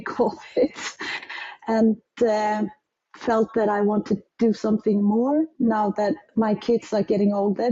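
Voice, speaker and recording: A middle-aged woman from Iceland with an Icelandic accent, telling her story as an interview guest and pausing to search for English words. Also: on the high side, mellow, highs cut off.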